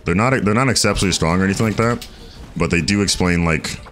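Deep-voiced man chatting through gameplay. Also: fast, faint music behind. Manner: chatty, reads chat aloud, thinks out loud. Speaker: streamer. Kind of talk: casual gameplay commentary.

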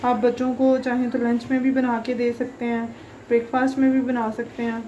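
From her home kitchen, a young cooking channel host gives a casual voice-over explaining each step of a recipe, chatty and homely with frequent fillers. She talks fairly quickly in a slightly high, mellow, flat voice, and the sound is lo-fi with a faint hiss or hum.

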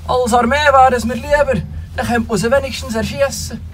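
A man's voice: extremely high pitch, fairly even intonation, fairly quick. A man from Grindelwald with a Bernese Oberland Swiss German accent, playing a teasing local in a comedy sketch. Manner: dry, teasing remarks.

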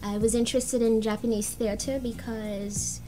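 A woman's voice: on the high side, steady tone, normal speed, mellow. Articulate woman on a radio show. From Trinidad and Tobago. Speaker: guest singer and lecturer. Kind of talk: casual talk show self-introduction. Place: small radio studio. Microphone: studio mic with headphones. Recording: music playing in the background.

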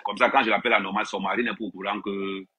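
A man holds forth to his viewers on a live stream, circling back to the same phrases and talking to them directly. His voice is sharp and tense with a husky edge. It is recorded on a tablet on a tripod indoors. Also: on the low side, flat delivery, rapid-fire, low-quality recording. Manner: emphatic, repeats phrases, addresses viewers directly. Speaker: social media personality on a live stream. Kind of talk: ranting live stream monologue.

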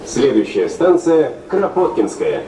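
A man giving calm, formal metro announcements, played over a train loudspeaker. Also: medium pitch, a little slow, distant mic. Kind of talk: recorded transit announcements. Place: moving metro train car. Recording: echoey loudspeaker inside a noisy train car.

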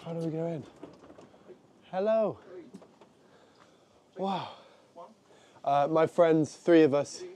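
A man's voice: a little high, slow pace, long pauses, dark tone, slight background noise. A man giving casual travel vlog commentary in short, informal remarks. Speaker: travel vlogger.

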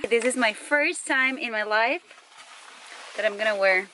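A woman's voice: on the high side, measured pace, bright, forceful tone, slight background noise. A young woman talking to her camera in a casual travel vlog, cheerful and laughing often, in simple non-native phrasing, filmed outdoors and in a van. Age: young adult. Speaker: travel vlogger. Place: outdoors on a beach and coast, and inside a van. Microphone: handheld camera at arm's length. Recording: music playing over the voice.

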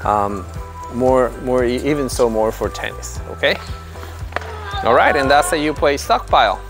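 A man's voice: mid-range voice, expressive, moderate pace, music in the background. A man in his thirties coaching young children on an indoor tennis court, explaining drills to the camera and calling out commands to the kids in an upbeat, encouraging way. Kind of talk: instructional video narration.

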